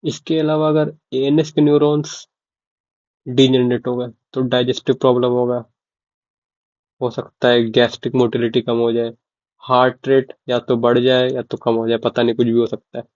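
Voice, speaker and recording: A man's voice: medium pitch, level tone, normal speed, darkish tone, dry recording. Casual young male medical tutor. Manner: casual, asks "ok?" and repeats key terms to check understanding. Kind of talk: informal lecture explaining to students. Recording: dull, dry lo-fi mic.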